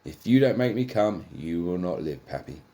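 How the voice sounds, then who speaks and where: Guy doing a shrill demanding demon lady, yelling, silly storybook voice. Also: moderate pace, lightly acted. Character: demanding female sex demon, a hostess.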